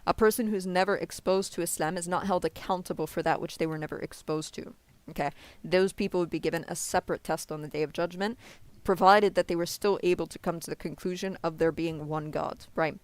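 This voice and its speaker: A man's voice: a little high, fairly even intonation, a little fast, smooth, no room sound. Patient man explaining faith, dry sound. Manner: explaining patiently, often asks "you understand?". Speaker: religious debater. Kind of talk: street debate about faith.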